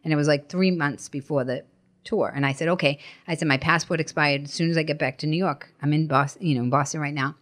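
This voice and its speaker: A middle-aged stand-up comedian, appearing as a podcast guest, tells animated anecdotes in a deep voice at a fast clip with fairly even intonation. She's blunt and emphatic, swears freely, and acts out the dialogue she quotes.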